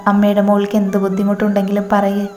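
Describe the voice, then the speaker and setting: A woman reading a family story aloud in an unhurried, even storytelling manner, speaking every character's lines in her own voice. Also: mid-range voice. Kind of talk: scripted story narration with character dialogue. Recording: echoey room with soft music underneath.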